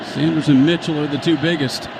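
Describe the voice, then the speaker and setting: Male color analyst over clear background noise. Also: on the high side, steady tone, brisk. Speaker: radio football color analyst. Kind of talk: live sports color commentary, conversational. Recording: noisy live outdoor stadium broadcast.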